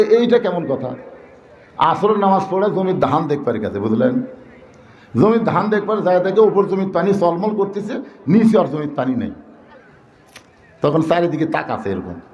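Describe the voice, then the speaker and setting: A man preaching a sermon, animated and emphatic, breaking into sung verses and jokes. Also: fairly high pitch, reverberant, dull audio.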